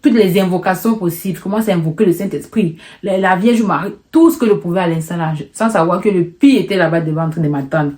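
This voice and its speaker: A young woman telling a personal story in a casual vlog, animated and emotional, repeating words for effect. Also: fairly low pitch, fast talker, few pauses.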